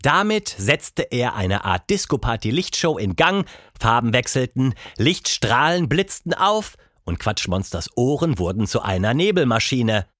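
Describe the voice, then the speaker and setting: Expressive man reading a children's story. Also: mid-range voice, measured pace, dry recording, studio quality. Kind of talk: children's audiobook narration.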